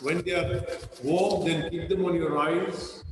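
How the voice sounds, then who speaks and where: A man teaching a yoga class over a video call through an external microphone that adds a strong echo, giving slow, calm instructions. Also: a little high, noisy background.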